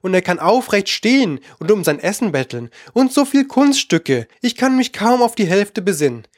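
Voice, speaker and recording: A man's voice: high voice, animated, unhurried, dry recording, clean studio sound. Man doing a chatty, eager little girl. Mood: eager, coaxing. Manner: eager, coaxing, apologetic. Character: polite, chatty, curious young girl.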